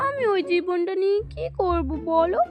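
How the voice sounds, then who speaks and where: A woman plays a bashful cartoon bride who sweet-talks with sly intent. The voice is very high and soft-spoken over light music. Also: lively intonation, moderate pace, muffled recording. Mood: coy. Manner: coy and sweet-talking. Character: coy, scheming young bride. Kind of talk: cartoon voice acting. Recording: faint music underneath.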